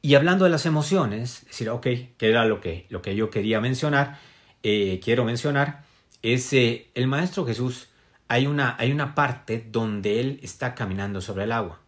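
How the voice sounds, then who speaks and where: A man's voice: mid-range voice, moderate pace. A man giving a casual spiritual wellness talk to an audience. He speaks reflectively, with many fillers and tag questions. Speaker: motivational speaker.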